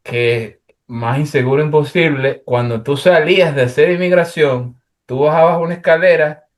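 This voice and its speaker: A man's voice: on the high side, normal speed. A young man from Venezuela, casually and animatedly telling a travel story as a guest, with plenty of fillers.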